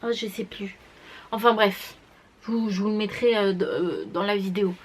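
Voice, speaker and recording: A woman's voice: mid-range voice, normal speed, husky. A woman presenting a makeup palette to the camera in casual, gushing talk, full of restarts and fillers. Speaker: beauty vlogger. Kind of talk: casual makeup product review.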